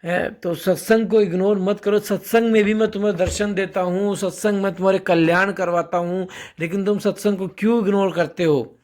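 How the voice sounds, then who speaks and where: A man's voice: sits high, fairly even intonation, brisk, darkish tone. A man hosting a devotional channel, giving a formal preaching intro and chanting a mantra. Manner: formal, preaching cadence with blessings and requests to subscribe. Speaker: channel host introducing a satsang.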